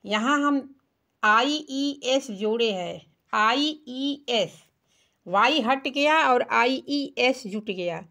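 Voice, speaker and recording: Slow, patient woman teacher. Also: fairly high pitch, expressive, sharp tone. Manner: patient, spells words out letter by letter. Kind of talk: children's English vocabulary lesson.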